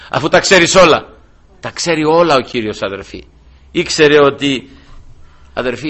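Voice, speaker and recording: An older man delivers a sermon with a bright, somewhat high voice. He acts out the people in the story, his pitch climbing on questions and then falling to a quiet murmur when he calls out to the brothers. It is a lively, dramatic church telling. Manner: drops to a low murmur on "brothers". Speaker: preacher.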